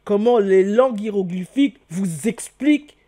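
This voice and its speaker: A man's voice: sits high, lively intonation, normal speed, dark tone. A man giving a video lesson as host, exclaiming often and repeating his key words, asking the listener questions and answering them himself. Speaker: channel host teaching hieroglyphs.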